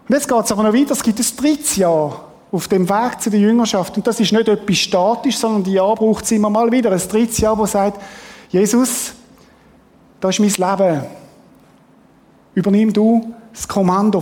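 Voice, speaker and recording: A man's voice: high voice, dark tone, in a large hall. A man preaching a sermon as pastor, earnest and plain-spoken, asking the congregation questions. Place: church hall.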